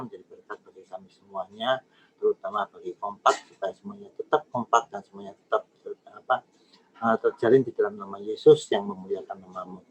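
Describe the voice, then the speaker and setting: A man's voice: on the low side, slight background noise, poor audio. A man leading an earnest opening prayer for a church men's group. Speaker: prayer leader.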